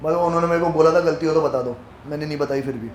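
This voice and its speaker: A man teaching an accounts class, joking with his students and reading the questions out slowly. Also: on the high side, a little hiss or hum. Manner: teasing, banters with students, reads questions slowly. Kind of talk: classroom lecture. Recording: echoey classroom.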